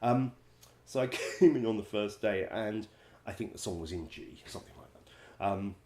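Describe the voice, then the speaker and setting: A man, a musical director and vocal coach, telling wry stories in a chatty way, laughing often and filling pauses with ums. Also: fairly low pitch, a little mellow, echoey room. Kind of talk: casual anecdote-telling.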